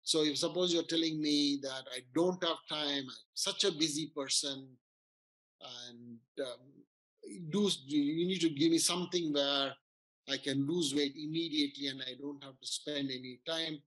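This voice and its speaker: A man's voice: on the high side, moderate pace, a bit bright, rough recording. A middle-aged man, a doctor, giving a casual, earnest talk on weight loss, explaining with frequent restarts. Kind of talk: informal health talk.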